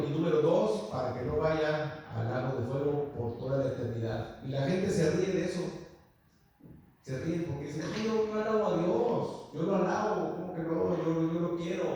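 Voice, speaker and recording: Male preacher, earnest sermon, mid-pitched, booming reverb, distant mic. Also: mellow. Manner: earnest, addresses the congregation as brothers, many filler words. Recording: echoey hall, mic far off.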